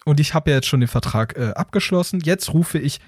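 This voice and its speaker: A man's voice: a little high, a little fast, dry recording. A man with a slightly raised voice tells a story on a casual podcast, jumping into acted-out voices for phone agents and a clunky automated menu. The sound is dry and close to the mic. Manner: animated storyteller, acts out robotic phone menu and rude agents. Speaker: podcast host telling a story.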